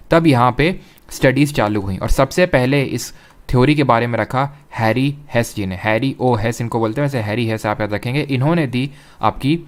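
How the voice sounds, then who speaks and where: Young male teacher, mid-pitched voice, patient exam-coaching lecture style. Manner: explanatory, mixes English terms, asks "clear?" often.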